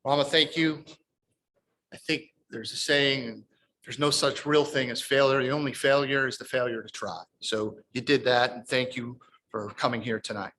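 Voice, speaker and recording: A man's voice: medium pitch, steady tone, moderate pace, pushed and bright, slight background noise, low-quality recording. A man hosting a speaking club meeting, casually encouraging members to share short stories. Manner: encouraging, casual, repeats words. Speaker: table topics master at a speaking club meeting.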